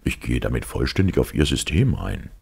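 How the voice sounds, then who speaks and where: Male reader as calm captain: very low, husky, conceding. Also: brisk, exaggerated voice. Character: easygoing male sea captain, yielding.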